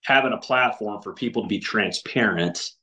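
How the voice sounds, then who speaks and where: A man's voice: fairly low pitch, moderate pace, bright, forceful tone, muffled recording. A man as a podcast guest, talking earnestly in casual conversation with frequent restarts and filler words.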